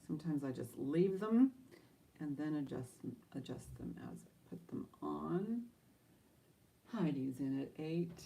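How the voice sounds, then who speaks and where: Low, unhurried woman auctioneer, slightly creaky. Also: darkish tone. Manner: chatty, informal, rambling between bid calls. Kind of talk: casual live-sale auctioneer patter with bid calls.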